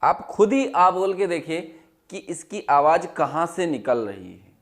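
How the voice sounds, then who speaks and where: A man teaching a Hindi class, asking questions and repeating the answers in a steady drill, his voice dropping low and quiet on each answer. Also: measured pace. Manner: drops to a low, quiet voice when giving the answers. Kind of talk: classroom lesson.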